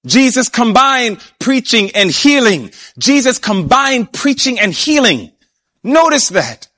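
A man preaching a sermon, emphatic, often asking his listeners questions and slowing down to stretch key words. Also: very high-pitched, very animated, sharp tone. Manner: emphatic, asks the audience questions.

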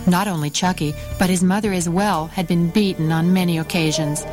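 Low-voiced woman narrating over music. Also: fairly even intonation, a little fast. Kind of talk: scripted story narration. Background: music under the narration.

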